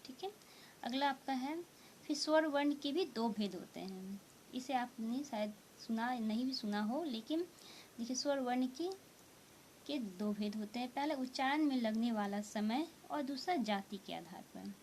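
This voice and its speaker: A woman teaching a grammar lesson to students, explaining slowly and repeating each point with frequent check-ins. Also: on the high side, a little mellow, a little hiss or hum. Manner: slow, repetitive explaining with frequent "theek hai" check-ins. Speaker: Hindi teacher.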